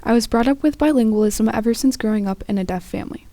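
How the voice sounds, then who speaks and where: Young woman interpreter, mellow voice, plain even telling, dry sound. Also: fairly high pitch, fast, no room sound. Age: young adult. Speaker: student interpreter. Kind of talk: interpreted first-person voiceover.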